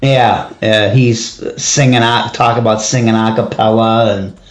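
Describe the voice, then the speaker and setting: A man with a lowish voice talks through an album track by track in an easy, enthusiastic way. His voice rings a little in an echoey room. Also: steady tone, a little slow, faint music behind. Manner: enthusiastic, leads the track order and asks his partner's view. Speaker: podcast co-host reviewing an album. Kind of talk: casual chat.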